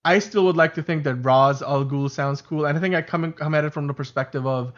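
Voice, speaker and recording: Fairly high-pitched and brisk, this male podcast co-host, Urdu being his first language, chats loosely on a casual livestream. The stream audio is slightly muffled, and he often laughs and corrects himself.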